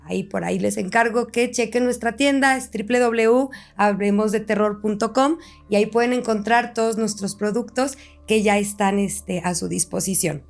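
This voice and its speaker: A woman's voice: medium pitch, moderate pace, gravelly. A woman hosting a casual podcast, friendly and promotional, with many fillers. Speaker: podcast host.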